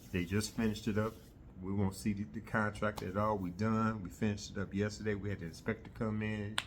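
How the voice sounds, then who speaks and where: A middle-aged man chatting casually to his viewers in a rambling, halting way, often pausing mid-sentence. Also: on the low side, a little hiss or hum. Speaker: host of a hobby video channel. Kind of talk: casual rambling vlog chat.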